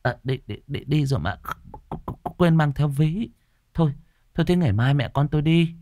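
A man voicing a worried older village mother who speaks softly and stammers while she begs, in a storybook reading. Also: fairly high pitch, lively intonation, moderate pace, dry recording, studio quality, voice pushed up, natural voice. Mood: pleading. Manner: quiet, stammering, begging.

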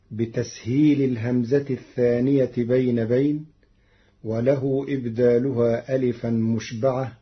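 A man with a husky, slightly breathy voice speaks in slow, deliberate phrases, explaining readings in a measured scholarly tone. The sound is dull and muffled like an old radio broadcast. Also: mid-range voice. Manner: deliberate, quotes verses in a slow intoned voice. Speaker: presenter explaining recitation variants.

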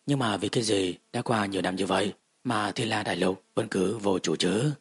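A man giving steady, even scripted narration of a fantasy audiobook. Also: fairly low pitch, moderate pace, breathy edge.

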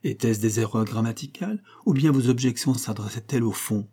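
A man reading the lines of a proud, quietly defiant young woman in a classic novel audiobook, his delivery subdued and clipped. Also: mid-range voice, brisk, husky. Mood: guarded.

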